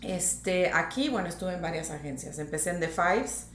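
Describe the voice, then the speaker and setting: A woman's voice: fairly low pitch, lively intonation. Woman from tijuana, direct real estate talk, echoey room with faint hiss. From northern Mexico, grew up in Tijuana. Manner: direct, quick to laugh. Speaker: real estate agent, podcast guest. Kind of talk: casual interview chat.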